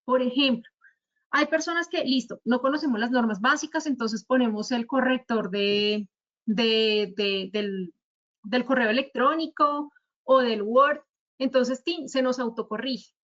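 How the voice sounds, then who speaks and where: A Colombian woman with a high voice teaches spelling rules in an online talk. She works through her examples one by one in a patient, didactic way. The audio sounds somewhat dull, like a web meeting. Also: measured pace, a bit bright. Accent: Colombian Spanish. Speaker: speaker at a virtual talk on writing. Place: virtual conference.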